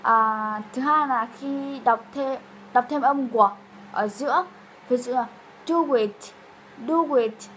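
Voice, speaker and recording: A woman's voice: high-pitched, a little slow, fairly bright tone, a little hiss or hum, rough recording. A young woman with a Vietnamese accent, a learner reading her English pronunciation homework aloud, saying each word twice with hesitant fillers.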